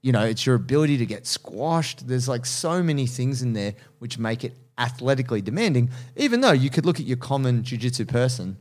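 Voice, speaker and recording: Male, 30s, strength coach podcast co-host, earnest and open, average pitch. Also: expressive, a little fast, few pauses, a little mellow. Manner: earnest, candid, laughs easily. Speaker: strength coach and personal trainer. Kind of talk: casual podcast chat.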